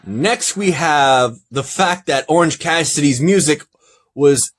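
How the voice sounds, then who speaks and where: A man hosting a casual podcast review, talking in an animated way, reading results aloud and laughing often. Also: fairly high pitch, slow. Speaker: podcast host.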